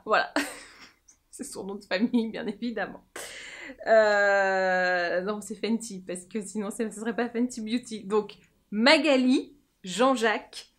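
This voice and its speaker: A fairly high-voiced woman talks through her make-up routine. She is chatty and playful, full of little fillers and asides. Recorded close to a camera mic. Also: a bit bright. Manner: chatty, jokey, lots of fillers and laughs. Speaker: beauty vlogger. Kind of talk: casual make-up tutorial chat.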